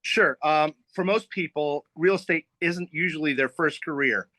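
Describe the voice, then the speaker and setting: A man's voice: fairly high pitch, moderate pace, pushed and bright, no room sound. A middle-aged man, a real estate agent, explaining at ease with fillers as a podcast guest. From United States. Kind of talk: podcast interview.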